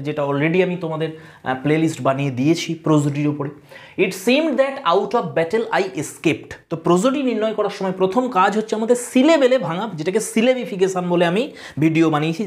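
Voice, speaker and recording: A woman teaching an online English poetry lesson. She explains step by step and asks and answers her own questions. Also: on the low side.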